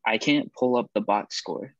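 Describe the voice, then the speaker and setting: A young man giving a plain, steady sports analysis as a guest on a video call. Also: lowish voice, measured pace, dry recording. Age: young adult. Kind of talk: sports recap chat. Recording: dull, dry video-call audio.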